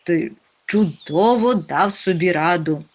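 A woman voicing a calm, gentle male storybook wanderer who soothes and advises. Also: fairly low pitch, takes it slowly. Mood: soothing.

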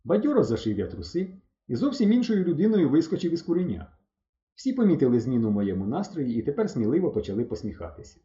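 A man narrating a first-person children's story, his dark, mellow voice rising and falling with lively expression. The reading is warm and unhurried. The recording has a roomy echo and a slightly dull sound. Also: on the high side. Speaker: audiobook narrator.

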